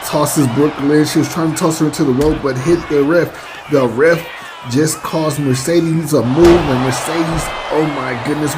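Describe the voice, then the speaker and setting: A man giving play-by-play wrestling commentary over a video game, addressing listeners in announcer style with stock exclamations. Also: on the high side. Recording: clear background noise behind the voice.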